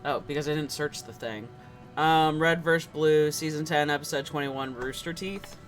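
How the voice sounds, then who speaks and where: A man's voice: a little high, moderate pace, a bit bright, soft background music. A man chatting casually with fellow players on a live stream, thinking aloud in a distracted way as he searches online. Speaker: tabletop game player.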